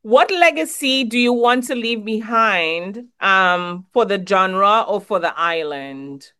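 A woman's voice: medium pitch, lively intonation, slow, bright, forceful tone, clear, resonant tone. Friendly woman host from Trinidad. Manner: friendly, conversational questions. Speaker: interviewer host. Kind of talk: casual interview.

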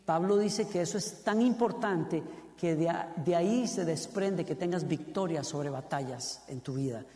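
A Costa Rican man with a Costa Rican Spanish accent preaches a sermon in a warm, somewhat high voice at a moderate pace. He asks the congregation questions and builds to fervent emphasis with repeated phrases, amid long hall reverb.

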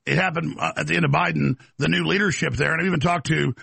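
A man with a gravelly, rough voice questions his guest in a heated, pressing way. He stumbles and repeats words as he pushes his point. His tone is bright and cutting, and the sound is close and dry. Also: fairly high pitch, fairly even intonation, fast talker, no room sound. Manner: stammering restarts, heated and pressing. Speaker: talk show host.

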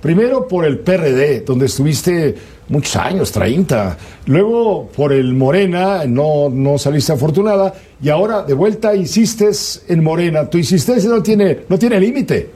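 A man hosting a news show, with a high but mellow voice. He brings his guest on and then presses her with pointed, teasing questions. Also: lively intonation, a little slow. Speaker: radio news host. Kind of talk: interviewing a guest.

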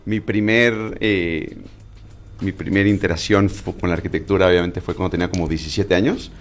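A deep-voiced Mexican man from Mexico City, a guest on a radio show, answering questions about his career. He talks haltingly, pausing and restarting his sentences as he thinks. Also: steady tone. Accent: Mexican Spanish. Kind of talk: interview answers.

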